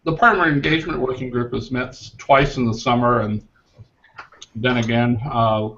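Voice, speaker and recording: A mid-pitched man reports to a committee over a conference call. He explains points steadily and in an organised way, and the lo-fi call audio is muffled. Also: fairly even intonation, normal speed, a bit bright. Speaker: working group lead. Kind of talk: giving a meeting report.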